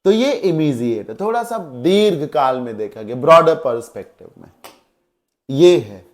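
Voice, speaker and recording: A man's voice: on the high side, lively intonation, measured pace. A male English teacher with an Indian accent, lecturing a class, explaining with everyday examples and repeating key words.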